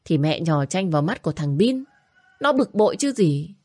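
Stubborn old granny in-law, woman putting her on, indignant and sure she's right, voice pushed up high. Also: lively intonation, fast, no echo, lightly acted. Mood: defensive.

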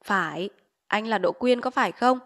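A woman's voice: mid-range voice, normal speed. A woman reading a novel aloud and voicing a stern old male village official who barks curt orders. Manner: curt, loud barking orders. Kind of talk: audiobook character voice.

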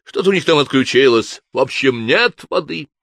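A man voicing a stern, pompous older male inquisitor who proclaims loudly in an audiobook. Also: expressive, normal speed, dry recording, lightly acted. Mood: raging. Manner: booming, solemn proclamations.

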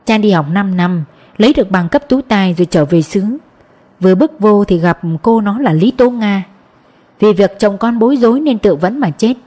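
A woman narrating a novel as an audiobook in a steady storytelling manner. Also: medium pitch. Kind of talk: scripted narration.

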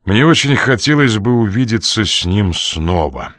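A man voicing a cold, menacing man who presses a woman with slow, quiet, threatening questions. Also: on the low side, lively intonation, no room sound, studio quality. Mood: probing.

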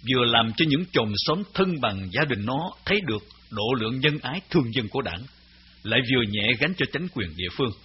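A man reading his memoir aloud as narrator, in a grave, measured storytelling voice. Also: mid-range voice, expressive, a little hiss or hum. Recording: slightly dull recording with faint music.

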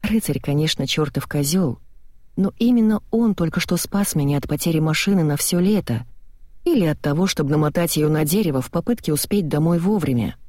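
Audiobook narrator, first-person story, expressive reading, dry close mic, mid pitch. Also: a little fast, no echo.

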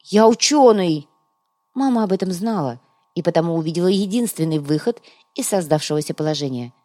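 A woman reading an audiobook as narrator, telling the story in an ironic, lively way. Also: lowish voice, fast, soft background music. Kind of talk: scripted narration.

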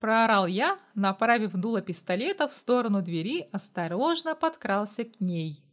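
A woman narrating a first-person story in a steady, even delivery. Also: medium pitch, moderate pace.

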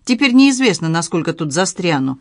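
A woman's voice: fairly low pitch, sing-song, fairly quick, darkish tone, no room sound, clean studio sound. A reader voicing a sardonic, easily irritated middle-aged woman in an audiobook. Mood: indignant. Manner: indignant, sardonic.

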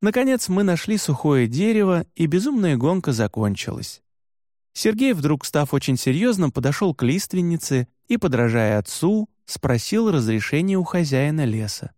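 Expressive male audiobook narrator. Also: fairly high pitch, moderate pace, dry recording, studio quality. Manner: calm storytelling, expressive intonation. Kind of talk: audiobook narration of a travel story.

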